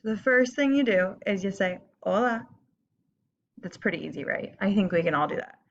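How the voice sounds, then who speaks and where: A woman teaching a recorded online lesson in a casual, upbeat way, slowing down to model words for students to repeat. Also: medium pitch, lively intonation. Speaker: Spanish teacher. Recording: slightly dull lo-fi audio.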